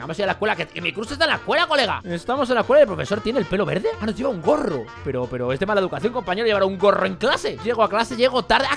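Young man for a mobile-game let's play: bright, fast and energetic, with a faint game score behind. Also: high-pitched, gravelly. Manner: animated, loud outbursts and frequent laughter. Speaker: gaming youtuber. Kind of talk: excited let's-play commentary.

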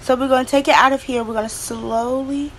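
A woman's voice: sits high, fairly even intonation, a little fast, a crowd in the background, rough recording. A young woman giving a casual step-by-step cooking demonstration in a small home kitchen, talking to a phone camera. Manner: chatty, step-by-step, repeats "we're gonna".

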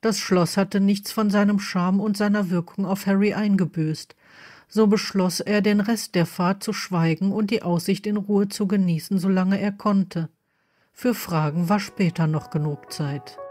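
A woman narrating a story aloud in a calm, steady reading voice. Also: medium pitch, a little slow. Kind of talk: audiobook reading of fan fiction.

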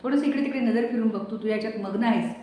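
A woman plays a devout, patient woman who urges and gently scolds her friend. The voice is heard from some distance in a room with strong echo. A faint hiss sits behind it. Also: fairly high pitch, quick pace, close to an everyday voice. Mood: coaxing. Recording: very echoey room, distant mic, faint noise.

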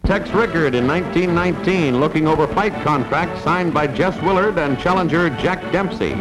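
A man's voice: a little high, normal speed, rough recording. A man narrating in the style of an old newsreel, with clipped headline phrasing that drops articles. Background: loud music.

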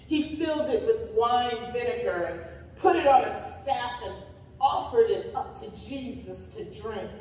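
A woman pastor giving a slow, deliberate, dramatic reading of scripture during a sermon. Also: a little high, lively intonation, a little hiss or hum. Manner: slow, deliberate reading with shouted cries for emphasis. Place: church sanctuary. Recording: echoey church hall from far off.

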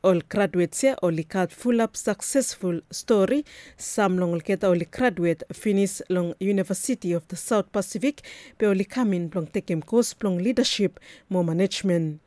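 Woman, Vanuatu accent, Melanesian Pidgin, scripted TV news narration, soft mellow tone, dry sound. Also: mid-range voice, normal speed, dry recording. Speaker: television news reporter.

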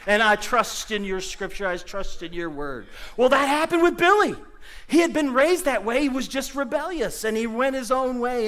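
Animated preacher man, high bright voice. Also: clean tone. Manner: animated, calls out to the congregation with sudden loud bursts. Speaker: pastor. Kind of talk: sermon. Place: church sanctuary.

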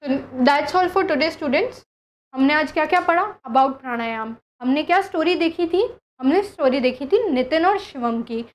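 Woman teacher, high voice, revision lesson, asks students questions, repeats key words. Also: lively intonation, measured pace. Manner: mixes Hindi and English, repeats terms, asks students questions. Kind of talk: recorded class lesson, revision.

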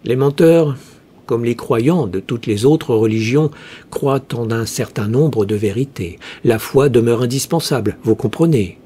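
A man voicing a cheerfully cunning male heretic priest, speaking slowly in a smooth, almost chanting way. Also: medium pitch, warm tone. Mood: sly. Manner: slow, smooth, chanting delivery.

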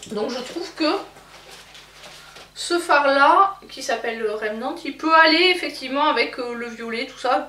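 A woman with a fairly high voice talks through a makeup haul in a casual, hesitant way, pausing often with fillers. She sits a little back from the mic, and the room gives her voice a noticeable echo. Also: bright, forceful tone, recorded from a distance. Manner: chatty, hesitant with frequent fillers. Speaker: beauty vlogger.

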